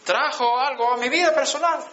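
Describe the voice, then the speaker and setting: A man, preaching a personal testimony in slow storytelling with emphatic pauses. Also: extremely high pitch, sharp tone. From Sweden. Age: 60s. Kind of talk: sermon testimony. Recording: dull lo-fi conference recording.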